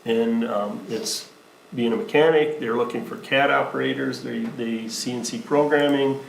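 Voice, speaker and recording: A man shares remarks at a board meeting, pausing often and filling gaps with uh and um. He sounds sincere and a little choked up at moments. The room is echoey with a faint hum. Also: medium pitch, steady tone, gravelly. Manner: halting, many fillers, emotional at times. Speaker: school board member.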